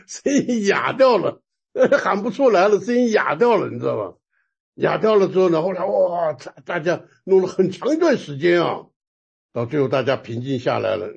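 Gravelly, husky man preaching with animation. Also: a little high, muffled recording. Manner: animated storytelling, laughs often, repeats words. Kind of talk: sermon with personal testimony.

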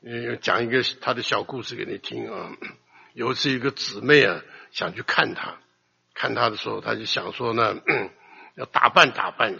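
Male preacher, lively storytelling sermon, bright husky voice, muffled lo-fi recording. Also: mid-range voice. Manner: animated storytelling, acts out quotes with sudden loud outbursts.

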